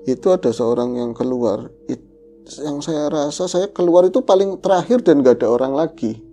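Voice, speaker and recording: Dark-voiced man telling a ghost story. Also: fairly high pitch, moderate pace, soft background music. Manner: lively, conversational, with frequent fillers. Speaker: guest storyteller. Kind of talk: recounting a ghost story in casual chat.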